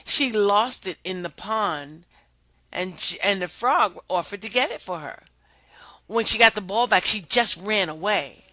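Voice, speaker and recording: A woman narrates and explains a children's story the way a reading teacher would, speaking expressively and deliberately. Her pitch sits in the middle range, and the recording has no room sound.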